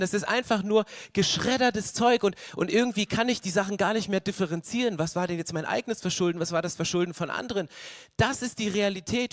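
A young man preaching a sermon, earnest and rising to loud, passionate stretches. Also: high voice, dry recording, clean studio sound. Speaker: pastor.

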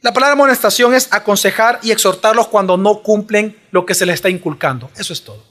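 A man's voice: sits high, fast, fairly bright tone. A man preaching a sermon, pressing his listeners with emphatic rhetorical questions.

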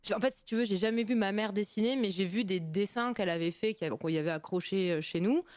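A woman's voice: medium pitch, fast, darkish tone, no echo. A young woman with a Lorraine French accent, a guest chatting casually in an interview, laughing often and filling with hesitations. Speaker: guest, streamer and artist.

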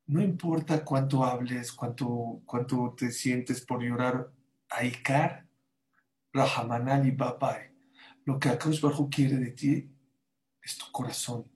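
A man, a rabbi telling lively anecdotes in a panel talk. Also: mid-range voice, poor audio. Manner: lively anecdotal storyteller, quick asides.

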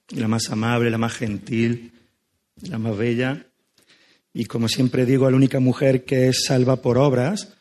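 Hoarse man preaching a sermon. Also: mid-range voice, darkish tone. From Spain. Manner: affectionate, joking, conversational preaching. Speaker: guest pastor. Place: church.

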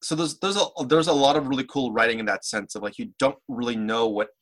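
A man with a bright, forward voice talks through a story in relaxed podcast chat. He hesitates often and restarts his sentences as he hunts for words. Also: medium pitch, fast. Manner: hesitant, many fillers and restarts. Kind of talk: casual chat.

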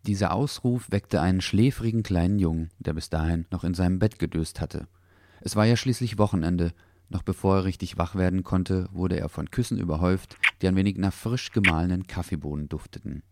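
Calm, low-voiced male storyteller. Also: fairly quick, no room sound, studio quality. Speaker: narrator. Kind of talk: storybook narration.

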